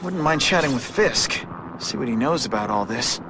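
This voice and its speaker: A man's voice: medium pitch, animated, normal speed, close to an everyday voice. A young man with an American accent voicing a wisecracking superhero in a video game, breezy, wry and informal. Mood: thinking aloud. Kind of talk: video game voice acting, quippy monologue. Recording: clear background noise, game ambience.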